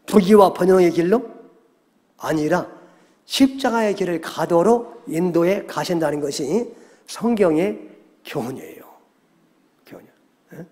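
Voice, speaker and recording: A male pastor preaching a Sunday sermon, animated, often checking in with the congregation and acting out quoted voices. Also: high-pitched, a little slow, long pauses. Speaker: senior pastor. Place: church sanctuary. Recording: long church hall reverb.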